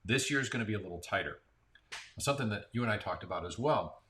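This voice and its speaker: Co-hosting a casual real estate market chat, this American agent from Central Florida talks fast, explaining the numbers conversationally and restarting often. His voice sits on the low side, pushed and bright with lively intonation, over slight background noise.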